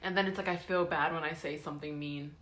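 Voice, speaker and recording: A woman co-hosting a podcast in laid-back casual chat, often trailing off quietly. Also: low-pitched, steady tone, quick pace. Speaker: podcast co-host. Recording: echoey room with faint noise.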